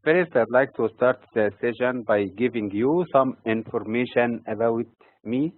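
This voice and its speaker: A man's voice: mid-range voice, a little slow. Egyptian-born man reading market commentary. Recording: dry, tinny phone-like audio.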